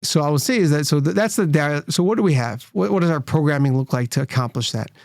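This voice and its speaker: A man's voice: on the high side, fast talker, darkish tone, no echo, clean studio sound. A man, a rabbi and nonprofit leader, speaking as a guest, earnest and explanatory, often restarting his phrases. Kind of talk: interview conversation.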